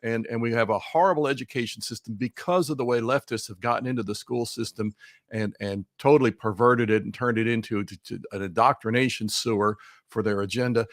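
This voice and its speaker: A Missouri man appears as a remote video-call guest on a talk show, speaking a little fast in a mid-range voice. His political remarks are fiery and forceful, full of repeated words. There's no room sound, just clean studio audio.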